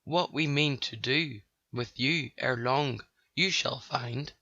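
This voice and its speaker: Gruff papa bear for a storybook, voiced by a man, dry, dull recording. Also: mid-range voice, slow pace, bright, forceful tone, no room sound, heavily acted. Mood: angry. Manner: roaring, gruff. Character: big, savage, roaring papa bear.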